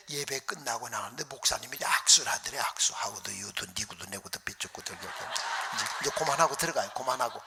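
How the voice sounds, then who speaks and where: A man preaching a revival sermon, telling stories with lively acted-out voices and sudden whispers. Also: mid-range voice, long reverb tail. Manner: animated storytelling, acting out voices, dropping to whispers. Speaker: pastor. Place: church hall.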